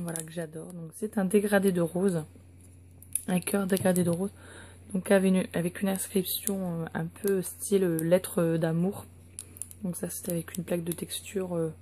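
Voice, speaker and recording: Woman vlogger, low mellow voice, halting chatty delivery with many fillers, unboxing a gift. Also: a little hiss or hum. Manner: hesitant, full of "euh" and "donc" fillers. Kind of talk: casual unboxing vlog.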